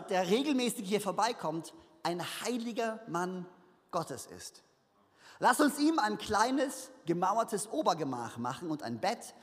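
A man preaching a sermon, reading a scripture story aloud and adding lively, humorous asides. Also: high voice. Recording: hall reverb.

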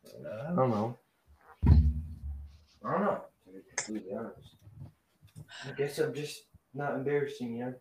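A teenage boy chatting casually with friends over an online call, loud and teasing, laughing often. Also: medium pitch, expressive, measured pace, long pauses, a little hiss or hum, poor audio.

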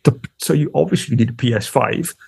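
A man's voice: mid-range voice, brisk, vocal fry, darkish tone, slightly rough, dry recording. A Welsh man co-hosting a podcast in casual chat, laid-back and swearing freely. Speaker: podcast co-host.

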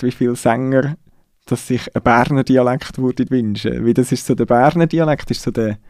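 Mellow-voiced Swiss man, thoughtful. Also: medium pitch, dry recording, clean studio sound. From Nidwalden, Switzerland. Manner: reflective, hesitant, restarts sentences. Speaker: musician guest. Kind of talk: casual interview.

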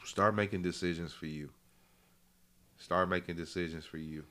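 A man's voice: low-pitched, fairly even intonation, normal speed, background noise. A man in his late twenties, a guest in a casual podcast chat, talking in a laid-back, rambling way full of slang and fillers. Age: 20s.

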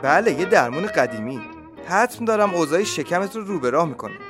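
A man's voice: on the high side, big pitch swings, over music. A man voicing a contented male duck in a storybook reading, matter-of-fact and confident. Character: calm, contented male duck living in a wolf's belly.

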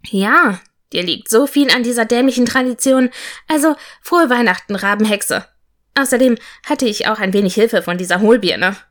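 A woman's voice: on the high side, normal speed, fairly bright tone, natural voice. A woman voicing a grumpy, sarcastic male talking owl in a storybook reading, snide and grumbling. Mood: gruff, proud.

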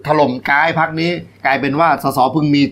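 A man co-hosting a news talk show, chiming in with quick, agreeable remarks. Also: on the high side, fairly even intonation, fairly bright tone. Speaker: co-host. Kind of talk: casual news chat.

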